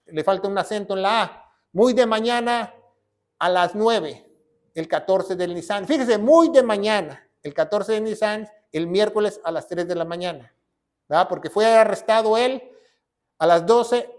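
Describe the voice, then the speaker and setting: A man preaching as a pastor, his voice pitched high for a man. He lays out a Bible lesson in order, step by step, and keeps asking his listeners whether they are following. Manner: explains step by step, often checks in with the congregation. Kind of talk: Bible teaching sermon.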